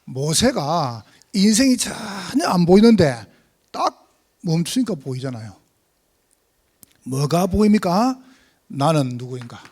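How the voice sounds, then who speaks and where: Preaching slowly with long pauses, a male pastor uses a high, highly animated voice whose pitch jumps up and down. He is emphatic, swinging between loud calls and quiet asides.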